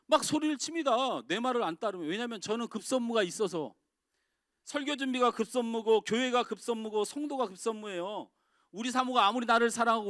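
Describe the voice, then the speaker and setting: A middle-aged male pastor preaching a sermon in a church, talking with the congregation through rhetorical questions and swinging between raised exclamations and quiet, dropped phrases. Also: high-pitched, no room sound, studio quality. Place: church sanctuary.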